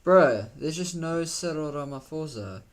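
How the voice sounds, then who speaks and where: Talking slowly in an animated, somewhat high voice, a South African YouTuber meanders through casual commentary on what's playing on screen, joking around and teasing in slang.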